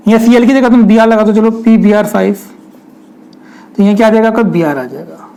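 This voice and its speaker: A man's voice: high voice, a little fast, creaky, dark tone, low-quality recording. A young man, giving a chemistry lecture at a whiteboard, often asking rhetorical questions and speaking directly to his students. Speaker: chemistry teacher.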